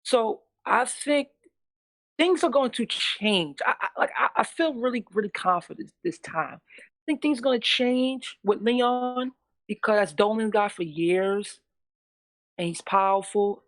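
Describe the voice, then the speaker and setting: A woman's voice: fairly high pitch, unhurried, dry recording. A woman calling in to a sports talk show who speaks emphatically and repeats herself for emphasis. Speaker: guest caller.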